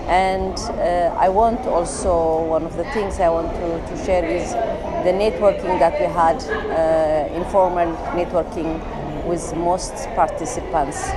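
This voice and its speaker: A woman from Ethiopia, an executive director speaking thoughtfully with frequent pauses. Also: lowish voice. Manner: thoughtful, hesitant, many pauses. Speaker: executive director of a women's network. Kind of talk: conference testimonial. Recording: noisy ambient background.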